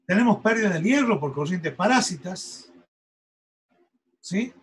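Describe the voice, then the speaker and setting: Husky high-voiced male engineering lecturer. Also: animated, measured pace, low-quality recording. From Argentina. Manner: explanatory, checks in with students often. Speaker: university lecturer.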